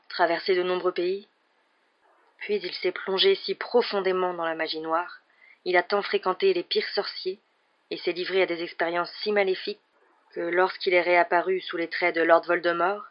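An audiobook narrator reading a novel in a measured, expressive way. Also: medium pitch. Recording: dull lo-fi recording.

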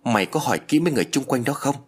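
A man's voice: medium pitch, expressive, rapid-fire, breathy edge, voice pushed up. A man reading a ghost story and voicing a bossy woman who runs an inn, urgent and commanding.

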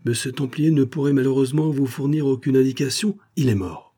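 A man's voice: medium pitch, fairly even intonation, fairly quick, warm tone, breathy edge, voice pushed up, lightly acted. A man voicing a formal, composed magistrate who questions a witness and lays out his theory of the case. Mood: formal, grave. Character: measured, authoritative older male magistrate.

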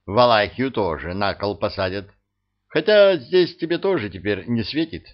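A man's voice: on the low side, expressive, moderate pace, muffled recording, natural voice. A man voicing a cheeky young male hero who mocks and teases. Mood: mocking. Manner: mocking, teasing.

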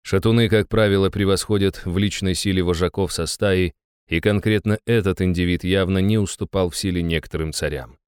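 A man narrating a first-person fantasy audiobook in an even, measured way, close to the mic. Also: sits low, smooth, dry recording.

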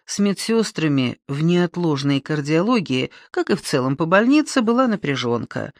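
An audiobook narrator with a mid-range voice reads a novel aloud from a script at normal speed, telling the story expressively. The studio sound is clean, with no room sound.

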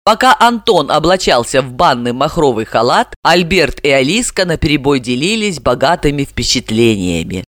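Man reading an audiobook, very lively. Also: on the high side, moderate pace, hardly any pauses, no room sound. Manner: expressive, wide-ranging delivery. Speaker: audiobook narrator. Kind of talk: scripted narration.

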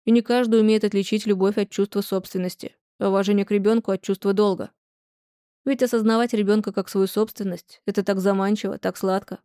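Calm thoughtful young guy, woman reading him, mellow, dry. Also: mid-range voice, quick pace, no room sound, lightly acted. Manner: calm, reasoning.

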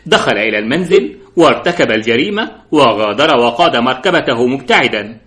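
A man voicing a calm, confident middle-aged male detective who speaks politely and with quiet insistence. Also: medium pitch. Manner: polite, composed, gently insistent.

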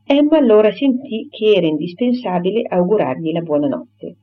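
A woman reading a classic novel aloud in a measured, literary narration. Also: medium pitch, animated. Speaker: audiobook reader. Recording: dull lo-fi recording.

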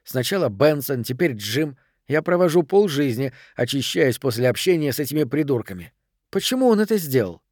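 A man's voice: mid-range voice, big pitch swings, fairly quick, a little mellow, no room sound, clean studio sound. A man voicing a fed-up young woman who answers with biting sarcasm. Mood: angry.

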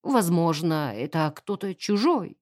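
A woman's voice: fairly low pitch, lively intonation, a little slow, a little mellow, no room sound, studio quality, pitched below the performer's own voice. A woman voicing a timid, flustered male village vicar who speaks hesitantly and apologetically, in an audiobook.

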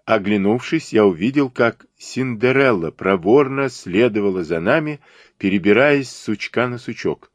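Brief: male audiobook narrator, low and animated, dry close sound. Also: moderate pace, no echo. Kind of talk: scripted narration.

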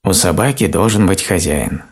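A man voicing a small cheerful frog who pretends to be a dog, answering in a lively, matter-of-fact, boastful way. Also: low-pitched, moderate pace, breathy edge, pitched above the performer's own voice.

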